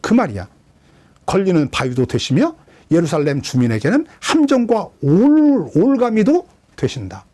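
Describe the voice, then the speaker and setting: Here a man with a high-sitting voice and moderate pace preaches expositorily as pastor, energetically asking his congregation questions and acting out quoted speech in dramatic voices.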